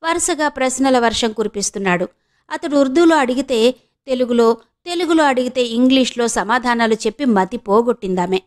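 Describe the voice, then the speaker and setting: A woman from Andhra Pradesh narrating an audio novel in a steady storytelling way. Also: a little high, fairly quick. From Andhra Pradesh, India.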